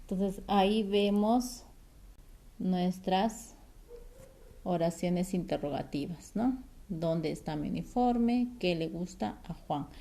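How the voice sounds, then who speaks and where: A woman teaching a grammar lesson to children, patient and careful, often checking in with a quick question. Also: lowish voice, gravelly, warm tone. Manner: slow, careful explaining with fillers and restarts.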